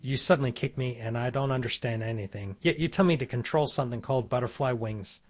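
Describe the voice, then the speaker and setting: A man reading the lines of a brash, quick-tempered young man in a comic recap, with an indignant, complaining delivery. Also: medium pitch, no echo, natural voice.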